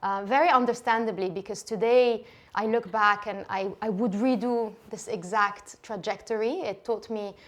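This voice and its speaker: A woman in her thirties from Lebanon, a shoe designer talking softly in a relaxed interview, with many fillers and restarts. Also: medium pitch, moderate pace, hardly any pauses.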